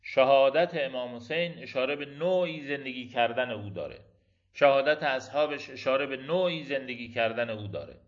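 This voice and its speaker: A man giving a reflective religious lecture, rhetorical and emphatic, building his points through repeated phrases and questions. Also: mid-range voice. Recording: dull lo-fi recording.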